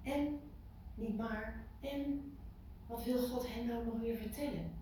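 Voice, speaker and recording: A woman giving an informal sermon to a small group, lively and full of questions to her listeners, repeating words for emphasis. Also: fairly high pitch, slow pace. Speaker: preacher. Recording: echoey room from far off, faint noise.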